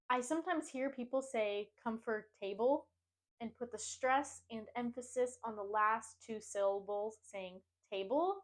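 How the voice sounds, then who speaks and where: A young woman from Maine with a New England accent, teaching English pronunciation and slowly repeating each word with care. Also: fairly high pitch. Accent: New England American. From Maine, United States. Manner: clear, careful, repeats words slowly. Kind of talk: pronunciation lesson.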